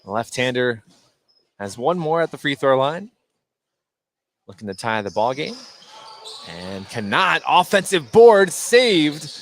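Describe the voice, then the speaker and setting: A man's voice: on the high side, very animated, takes it slowly, long pauses. A man giving live play-by-play radio commentary on a basketball game. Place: indoor gym at a basketball game. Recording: clear gym noise behind the voice. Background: basketball bounces and gym ambience.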